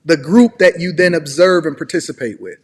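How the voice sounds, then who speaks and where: A man's voice: a little high, fairly quick. An American man hosting a call-in show, questioning his caller in a probing, persistent way and often cutting in.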